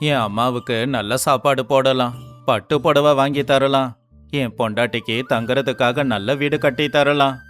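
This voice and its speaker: A man's voice: mid-range voice, fairly bright tone, close to an everyday voice. A man doing an earnest poor laborer. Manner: pleading, earnest. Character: poor, weary, honest young male laborer. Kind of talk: storybook voice acting.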